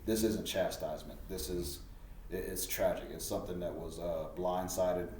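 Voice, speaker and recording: A man speaks earnestly in a heartfelt talk, reflective and given to soft laughs. His voice sits on the lower side. The room is echoey and he sounds some way from the mic. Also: steady tone, normal speed, a little hiss or hum. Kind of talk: casual heartfelt conversation. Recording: roomy sound from a distant mic.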